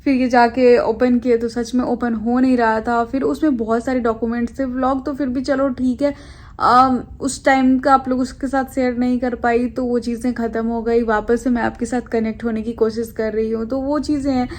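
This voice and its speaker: A young adult woman vlogger chatting casually to her viewers, rambling and pausing often to search for words. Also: on the high side, flat delivery. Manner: chatty, rambling, with frequent hesitations. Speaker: lifestyle vlogger. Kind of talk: casual chat to camera.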